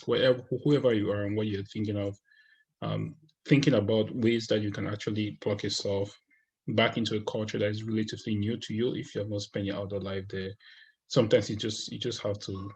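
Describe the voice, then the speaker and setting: This rough recording features a book reviewer from Cameroon, speaking in the United States, who shares his thoughts on a book in a relaxed, off-the-cuff way. He speaks in a husky, low, fairly flat voice, frequently pausing with fillers and starting sentences over.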